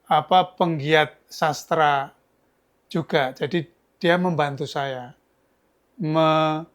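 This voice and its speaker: A man's voice: a little high, steady tone, very slow, fairly bright tone. Older man, chatty storyteller. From Yogyakarta, Indonesia. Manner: chatty, storytelling, many restarts. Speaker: author guest. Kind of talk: casual interview talk.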